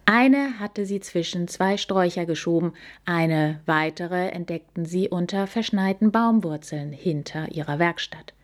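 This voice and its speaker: Gentle woman reading a children's story. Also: fairly low pitch, a little slow. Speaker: narrator.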